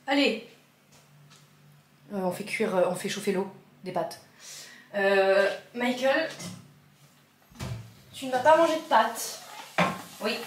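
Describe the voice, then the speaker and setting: A woman's voice: mid-range voice, takes it slowly, long pauses. A woman filming a casual daily vlog in her home kitchen. She chats in a frazzled, self-mocking way and keeps talking to her cat. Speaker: vlogger. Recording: echoey kitchen with faint room noise.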